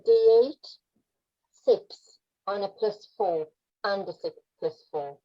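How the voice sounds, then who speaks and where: A woman's voice: mid-range voice, takes it slowly, dry recording. A woman chatting casually as a player in a tabletop role-playing game. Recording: dull lo-fi sound.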